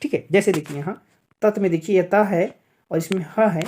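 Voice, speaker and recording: A woman's voice: fairly low pitch, moderate pace, darkish tone, a little hiss or hum. A woman teaching an exam-prep grammar lesson, repeating each example and checking in with "okay" as she goes. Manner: addresses viewers as friends, repeats examples, frequent "thik hai" checks.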